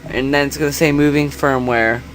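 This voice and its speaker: A man giving a casual software tutorial in a quiet, understated voice, kept a little back from the microphone. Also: medium pitch, fairly even intonation, a little fast. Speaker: tutorial host. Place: indoors at a computer. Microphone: separate microphone, not held close. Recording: noisy room hum, quiet separate mic.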